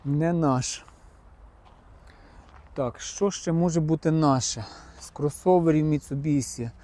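Male car vlogger, warm mellow tone, chatty and direct with viewers, outdoor lot. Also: on the high side, measured pace. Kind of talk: casual on-the-spot car inspection vlog. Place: outdoor used-car market.

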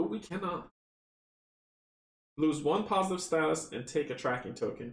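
Gravelly middle-aged man, roomy sound. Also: medium pitch. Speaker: solo board game player and host. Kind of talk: casual playthrough commentary with rulebook reading. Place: small indoor home game room. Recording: roomy, faint background noise.

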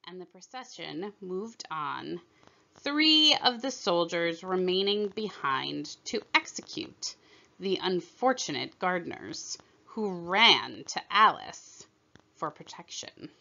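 Slow, bright-voiced woman reading aloud. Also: on the low side, big pitch swings, gravelly, lo-fi sound. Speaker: storyteller reading aloud for a museum. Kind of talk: scripted children's story narration.

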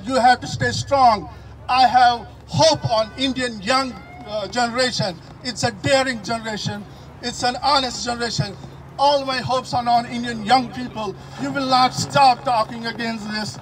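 A man's voice: very high voice, fairly bright tone, a little hiss or hum, rough recording. A man from Kashmir with a Kashmiri accent giving an earnest political speech in short, emphatic phrases. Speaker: protest speaker. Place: outdoors at a street protest.

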